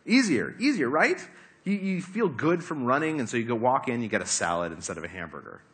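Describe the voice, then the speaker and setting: A man giving a lively talk to a live audience, asking them questions as he explains his points. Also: mid-range voice, quick pace. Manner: animated, asks the audience questions. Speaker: speaker giving a talk on habits.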